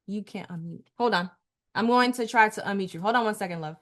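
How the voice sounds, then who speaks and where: A woman hosting a live webinar, chatting casually with attendees in an animated way and repeating her words. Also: mid-range voice, fast talker. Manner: animated, repeats herself, calls people girl. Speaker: webinar host.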